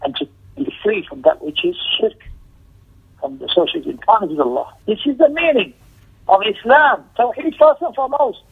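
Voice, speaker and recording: In an Islamic lecture commenting on a text, a religious teacher speaks emphatically in a high, husky voice with lively intonation at normal speed. He repeats phrases, asks rhetorical questions and moves into Arabic recitation. The recording sounds tinny and narrow, like a phone.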